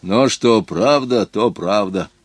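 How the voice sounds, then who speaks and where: A man's voice: on the low side, slow pace, no echo. A man reading the part of a stubborn, plain-spoken, superstitious peasant in an audiobook.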